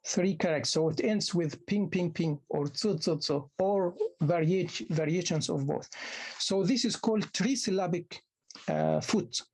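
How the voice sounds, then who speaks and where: A man, a native Arabic speaker, lecturing postgraduate students in a halting way, often restarting and repeating words as he explains. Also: high voice, vocal fry, a little mellow. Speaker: university lecturer. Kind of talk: academic lecture.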